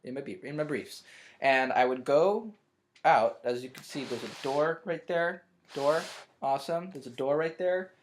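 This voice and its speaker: A young man, a college student vlogging from his bedroom, telling a story in a rambling, self-interrupting, animated way. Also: on the high side, a little slow, slight background noise. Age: young adult. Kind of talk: storytelling vlog.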